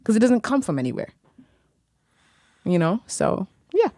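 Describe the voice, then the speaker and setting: A young poet whose first language is Arabic, appearing as a podcast guest, talks casually in a small studio with vivid, reflective, poetic phrasing. Her fairly high voice swoops wildly in pitch, dark-toned and unhurried, through a stand-mounted studio mic with headphones and no echo.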